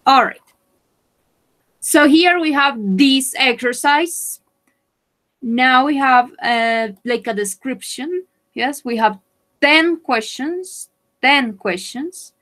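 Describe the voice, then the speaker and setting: Slow, careful woman teaching English. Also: high-pitched, animated, bright, forceful tone, rough recording. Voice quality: slow, careful explaining with repetition. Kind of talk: bilingual online English lesson.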